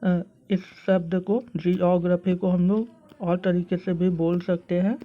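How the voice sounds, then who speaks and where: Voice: mid-range voice, little pitch movement, measured pace, lo-fi sound. A teacher with an Indian English accent gives a pronunciation lesson, explaining patiently with hesitant fillers and breaking words into syllables. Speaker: online teacher. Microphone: phone.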